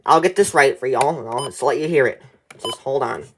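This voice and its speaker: A man with a mid-range voice speaks fairly quickly as he presents a casual hands-on tutorial, folksy and rambling in style. It's filmed on a handheld camera, with clear background noise and handling clicks.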